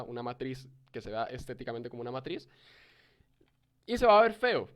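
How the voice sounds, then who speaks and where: Young male tutor, smooth clear voice, reads code aloud step by step, keyboard typing behind. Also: medium pitch, fairly bright tone. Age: young adult. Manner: explains step by step, reading code aloud, with fillers and self-corrections. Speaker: programming tutor. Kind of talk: screen-recorded coding lesson.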